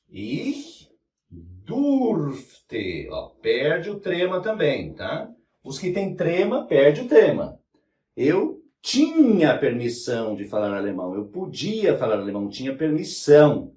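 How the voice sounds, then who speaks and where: A man teaching German in a lesson, explaining slowly and checking in with the class as he writes on a board. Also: fairly high pitch, a little mellow. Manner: explains slowly, spelling out German forms, with frequent "né?" and "tá?". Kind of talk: whiteboard language lesson. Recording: roomy sound from a distant mic.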